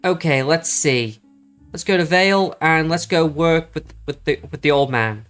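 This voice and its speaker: A woman's voice: low voice, moderate pace. A woman doing let's play commentary, thinking aloud and chatting to viewers as she reads the game. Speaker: game streamer. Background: game music.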